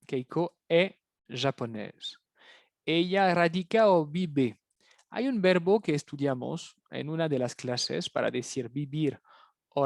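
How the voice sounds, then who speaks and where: A man's voice: a little high, no room sound, clean studio sound. A man teaching a French review lesson in Spanish, patiently repeating phrases for his students. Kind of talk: online language lesson, explaining in Spanish.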